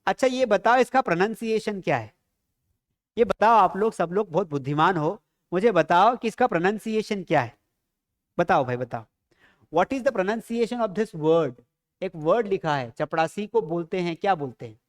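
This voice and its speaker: A man's voice: sits high, lively intonation, moderate pace. A man with an Indian accent teaching a spoken English lesson, drilling his students with repeated questions. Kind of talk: classroom lesson.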